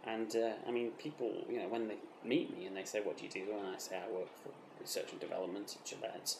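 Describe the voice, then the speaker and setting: Roomy echo, man acting as British razor developer, lowish voice, self-important, defensive, falsely modest, halting deadpan boasting, mock documentary interview. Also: vocal fry. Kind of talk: mock documentary interview, improvised-sounding monologue. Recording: roomy echo with faint background noise.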